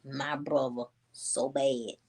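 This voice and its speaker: A woman, casually telling a story to her viewers in a chatty, animated way. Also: very deep voice, slow, husky. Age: 20s. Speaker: vlogger.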